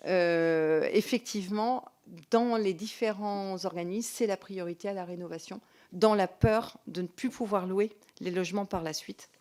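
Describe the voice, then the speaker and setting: At a hearing, a woman representing local government answers questions in semi-formal spoken testimony. Earnest and emphatic in pressing her points, she speaks at normal speed in a medium-pitched, slightly mellow voice.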